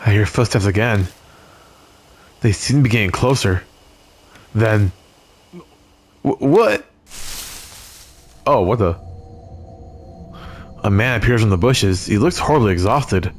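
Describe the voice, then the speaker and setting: A man's voice: on the low side, normal speed, pauses often. A man hosting a game video, reading the game text aloud and reacting with jittery swearing and nervous laughs. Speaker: let's play host.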